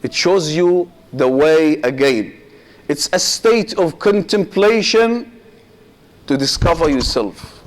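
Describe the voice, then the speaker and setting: Animated and a little high-pitched, a sheikh preaches a Muharram sermon in short, measured phrases separated by pauses. He engages listeners directly with rhetorical questions and peppers his English with Arabic religious phrases.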